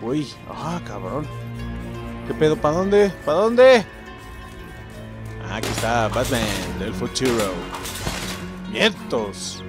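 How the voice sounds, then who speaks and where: A man's voice: mid-range voice, slow pace, long pauses, over music. A young man with a Mexican accent giving let's play commentary, yelping and swearing at every scare. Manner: excitable, yelps and swears at scares. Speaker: gameplay streamer.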